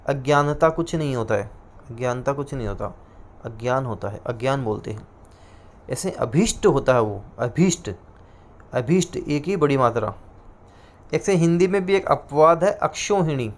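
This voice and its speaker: A male teacher with a Rajasthani Hindi accent giving an exam-prep lecture, repeating each answer slowly as if dictating terms. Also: mid-range voice, lively intonation, a little hiss or hum.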